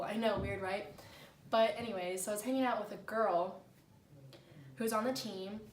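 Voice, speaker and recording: A young woman telling a story in a casual chat, animated and laughing, with frequent swearing. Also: medium pitch, distant mic. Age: young adult. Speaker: co-host. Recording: roomy, a little off-mic, faint noise.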